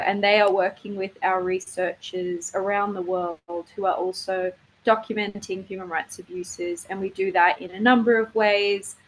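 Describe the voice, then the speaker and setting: A woman speaking as a campaigner, giving an earnest, measured and informal presentation on an online call. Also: fairly low pitch, rough recording. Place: online video webinar. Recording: noticeable faint background noise, online call.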